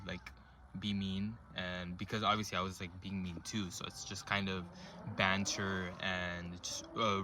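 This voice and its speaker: A vlogger in his twenties with a deep voice tells personal stories to camera in a relaxed, rambling way, full of filler words. A little hiss or hum is audible.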